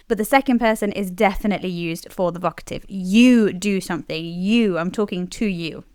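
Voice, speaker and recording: A woman explaining Latin grammar in a scripted lesson, clearly stressing the key words. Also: medium pitch, no echo, studio quality. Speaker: Latin teacher.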